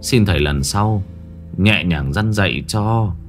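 A man's voice: takes it slowly, soft background music. A man doing a humble, weary village father. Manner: low, subdued, sighing.

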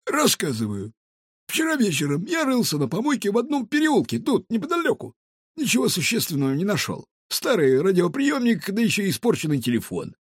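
A man's voice: high-pitched, wildly swooping pitch, slightly rough, no echo, clean studio sound, pitched above the performer's own voice, full character voice. A man reading a children's audiobook, voicing a whiny, indignant male street cat who is a petty thief. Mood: chatty. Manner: squealing, indignant, fast protests. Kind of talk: audiobook character voice.

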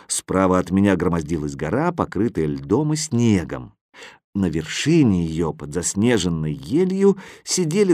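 A man narrating a children's story in the first person, with an expressive reading. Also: low-pitched, dry recording, clean studio sound. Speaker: audiobook narrator.

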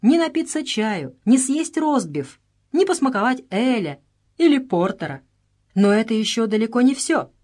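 A woman's voice: on the high side, big pitch swings, moderate pace, darkish tone, pitched above the performer's own voice. A woman voicing a grumbling English servant man who complains indignantly and pleads in a storybook reading.

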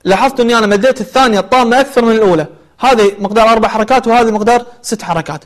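Man, very high voice, tajweed lesson, patient explanation, repeats sounds to correct them. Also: very fast. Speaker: Quran recitation teacher.

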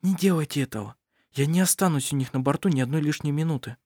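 Brief: male reader playing a resolute young woman, soft and hushed, slightly raised pitch, dry booth. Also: quick pace, dry recording, natural voice. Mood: calm resolve. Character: young woman, calm, strong-willed daughter.

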